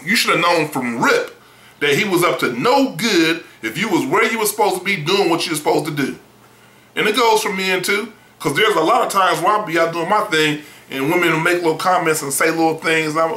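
A man's voice: a little high, sharp tone, roomy sound, low-quality recording. A man preaching a sermon in a blunt, emphatic, folksy way, often repeating words.

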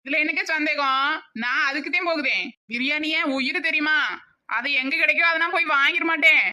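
A woman's voice: sits high, steady tone, a little fast, pushed and bright. A woman voicing a greedy young village woman obsessed with biryani, with a southern Tamil accent and a pleading, whiny manner. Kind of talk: cartoon voice acting.

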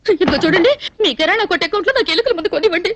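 A woman's voice: very high-pitched, racing, lo-fi sound. A young woman playing a naive, lovestruck girl who pleads and weeps for comic effect in a film scene. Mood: plaintive. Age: young adult. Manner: plaintive, pleading, given to comic tears. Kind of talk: Telugu film comedy dialogue.

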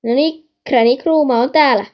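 A young woman chatting excitedly while playing a horror game, talking to viewers and scolding her mother in the background. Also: high-pitched, lo-fi sound. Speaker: gaming channel host. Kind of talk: game commentary.

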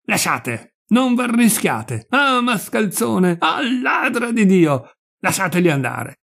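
A man voicing a fervent, pious male vagabond who swings between gentle pleading and furious outbursts. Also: medium pitch, sing-song, unhurried.

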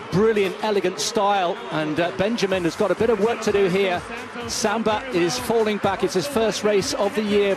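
Introducing each runner before the gun, this male commentator gives a live play-by-play of the athletics race and climbs to thrilled shouting as the action heats up. His voice sits high.

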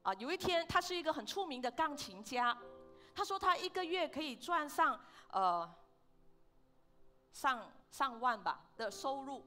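A woman, her voice high and bright. She keeps asking the congregation questions and slips English words into her sermon. Soft music plays faintly behind her in the church hall. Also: animated, measured pace. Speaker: pastor.

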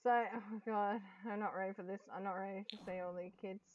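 A young woman giving casual commentary while playing a video game, often breaking into excited, gasping exclamations. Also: medium pitch, fast. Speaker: gaming YouTuber. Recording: dull lo-fi audio with game music. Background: game music.

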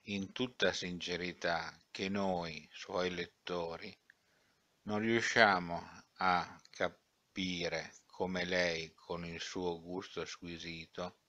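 Give me an indignant young critic, fussy and scornful, pronouncing every fault with emphasis, as a man reads him in an audiobook. The voice is low and bright-edged, and the recording is slightly dull and lo-fi. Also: flat delivery, drawn-out words, dry recording, exaggerated voice. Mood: flattering. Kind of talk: audiobook character reading.

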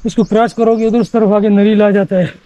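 A man's voice: high-pitched, little pitch movement, fairly quick, warm tone, highs cut off. A man vlogging outdoors on a mountain trail, pointing out the scenery to viewers as he climbs, recorded on a handheld camera. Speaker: travel vlogger. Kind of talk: casual commentary while hiking.

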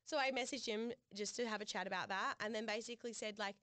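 A young woman, co-hosting a podcast in casual chat, telling her story in an animated, sweary way with laughs. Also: medium pitch, quick pace, no room sound. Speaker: podcast co-host.

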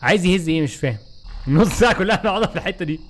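A man with an Egyptian Arabic accent giving excitable, joking let's play commentary, talking back to the game. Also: sits high, very fast. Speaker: gaming YouTuber.

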